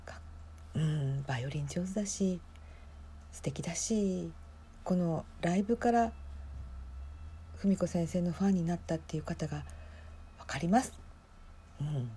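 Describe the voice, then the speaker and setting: A woman hosting a casual talk, commenting in hushed whispers while she watches a concert stream at home. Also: on the low side, unhurried, pauses often, slight background noise. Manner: speaks softly in hushed whispers; chatty, reacts aloud to what she sees. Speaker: podcast host watching a livestream.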